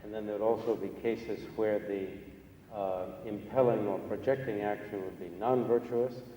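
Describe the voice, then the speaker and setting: A man with a low, soft-edged voice interprets a philosophy lecture. He speaks in careful, halting phrases. The sound comes from off in a big echoing hall with some faint noise. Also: fairly even intonation. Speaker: interpreter translating a Buddhist teacher. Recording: echoey hall, distant mic, background noise.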